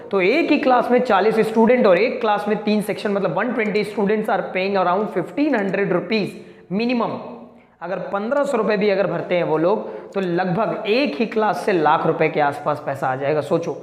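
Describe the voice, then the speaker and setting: A man's voice: sits high, expressive, normal speed. A male commerce teacher giving an accounting lesson, mixing Hindi with English terms. He asks the class questions and answers them himself, drawing out the key words. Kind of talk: accounting lecture to students. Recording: echoey room with long reverb.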